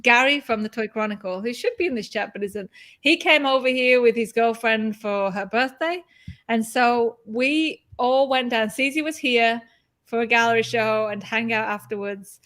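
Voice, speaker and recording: A woman with a fairly high voice, chatting on a casual live stream as its host. She tells stories and throws in quick asides. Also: a bit bright. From not from the city where she lives. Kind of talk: casual chat.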